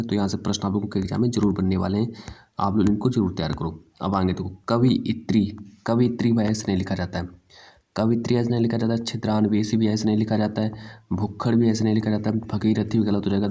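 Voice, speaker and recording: A man's voice: lowish voice, warm tone. A man teaching an exam-prep language lesson, drilling each word over and over and calling his students "bhai".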